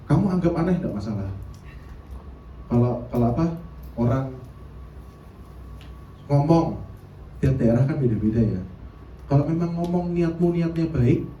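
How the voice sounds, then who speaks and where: A man's voice: medium pitch, warm tone, dull audio, slight background noise. A man preaching in an echoey church hall. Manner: playful, laughs often, quotes others in asides. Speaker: youth service speaker. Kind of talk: casual sermon. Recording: echoey hall, distant mic.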